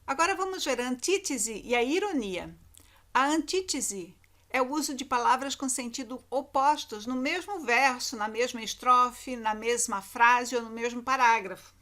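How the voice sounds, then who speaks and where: Speaking at a moderate pace in a slightly high, pushed, bright voice, a Brazilian woman teaches children in a recorded lesson. She has a Brazilian Portuguese accent and stresses key words by repeating them emphatically.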